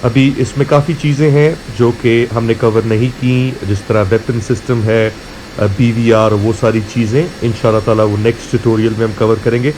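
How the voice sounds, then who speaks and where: In a relaxed instructional manner, a Pakistani-accented man walks through a flight simulator tutorial, blending explanations with radio phraseology. His voice is mid-range and moderately paced, over a constant background hum and noise.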